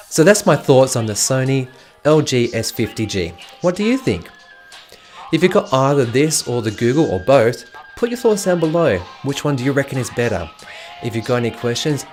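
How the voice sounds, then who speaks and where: Male video host, medium pitch, casual gadget-review delivery over light guitar music. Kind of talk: casual product review narration. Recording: music playing behind the voice.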